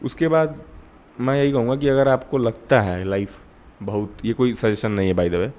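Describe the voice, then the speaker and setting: A man's voice: mid-range voice, steady tone, moderate pace, darkish tone. A young man giving a reflective monologue as the channel's host, thinking aloud with fillers and restarts and mixing in English.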